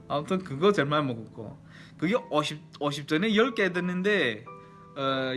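A man with a bright, forward voice and a Yanbian Chinese-Korean accent tells nostalgic stories in a casual vlog style. He is chatty but keeps polite sentence endings, over faint guitar music. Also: mid-range voice. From Yanbian, China. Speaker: vlogger. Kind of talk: casual nostalgic storytelling to viewers.

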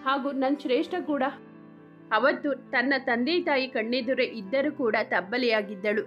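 A woman reading the lines of a gentle older mother in a story, speaking tenderly. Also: fairly high pitch, dull audio, natural voice. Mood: sorrowful.

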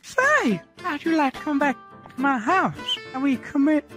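Casting: goofy lecherous cartoon creep, high and slow. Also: male voice, big pitch swings, over music, exaggerated voice. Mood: lecherous, teasing.

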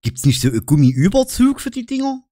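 A man's voice: high-pitched, sing-song, a little fast, dark tone, dry recording, clean studio sound. A man with a Saxon German accent chatting casually in a vlog, joking around and explaining dialect words with frequent "ne?" tags. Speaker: YouTuber.

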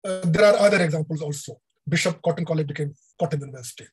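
An older man with an Indian English accent giving an online lecture over a video call, explaining deliberately with frequent fillers. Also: fairly high pitch, low-quality recording. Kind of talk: online lecture on education policy.

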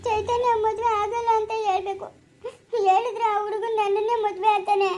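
A woman's voice: extremely high pitch, steady tone, a little fast, mellow, pitched above the performer's own voice. A woman voicing a tearful young woman who pleads and sobs to be allowed to marry, with a rural Karnataka Kannada accent. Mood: sobbing. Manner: sobbing, pleading.

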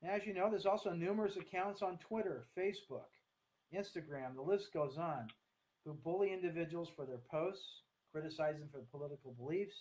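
In his sixties, an American speaker and coach gives an online talk to camera from a small room at home, partly reading from notes. His voice is slightly high for a man, earnest, and his delivery halting and deliberate. Captured by a webcam or laptop mic at desk distance, the low-quality recording sounds a little mellow.

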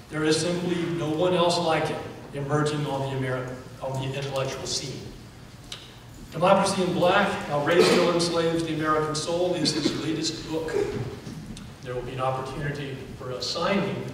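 A man's voice: fairly high pitch, background noise. A man introducing a guest speaker at a college event, reading formally from prepared notes. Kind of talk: read introduction. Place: large lecture hall. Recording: echoey hall recorded from far off.

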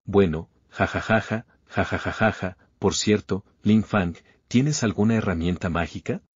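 A man's voice: lowish voice, unhurried, a little mellow, husky, no echo. A man voicing a scheming cultivator who acts friendly while chuckling slyly. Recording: slightly dull lo-fi recording.

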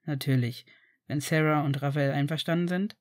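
A woman voicing a low, stern male teacher. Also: steady tone, normal speed, darkish tone, lightly acted. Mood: calm, tender. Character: stern, weary male wizard teacher and father.

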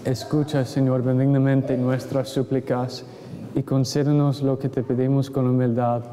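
A man speaking as a priest, solemnly and in measured phrases reciting prayers at Mass in a cathedral echo. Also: mid-range voice, flat delivery, crowd noise. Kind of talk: liturgical recitation of creed and prayers. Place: large church, standing at the altar. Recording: echoey church with long reverb, congregation sounds. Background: congregation.

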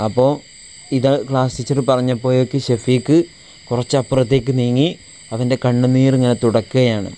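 A man's voice: mid-range voice, level tone, moderate pace, mellow, a little hiss or hum. Patient male teacher repeating each phrase. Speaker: Arabic teacher. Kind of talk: classroom lesson explaining a text.

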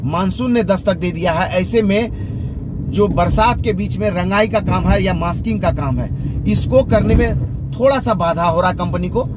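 A man's voice: high-pitched, moderate pace. A man, reporting as he drives, giving running commentary from inside a car. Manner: running commentary while driving. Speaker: local news reporter. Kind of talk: on-the-road video report. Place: inside a moving car on a bridge, outdoors at the end. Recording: road and traffic noise.

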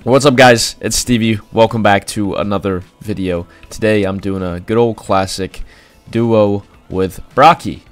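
A man's voice: fairly low pitch, fairly even intonation, unhurried, clear, resonant tone. A young man hosting a gaming video, mixing casual chat with narration. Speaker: video creator, host.

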